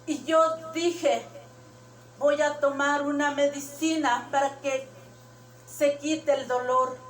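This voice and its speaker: A woman's voice: sits high, fairly even intonation, slow. A woman giving an emotional personal testimony in church, retelling her dreams and quoting what was said to her. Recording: echoey room, distant mic.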